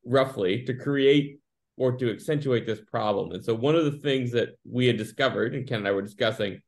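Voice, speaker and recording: A man's voice: medium pitch, fairly quick, creaky. Rambling, joking man co-hosting a podcast. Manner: rambling, self-correcting, joking. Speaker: podcast co-host. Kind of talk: casual interview chat. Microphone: video call.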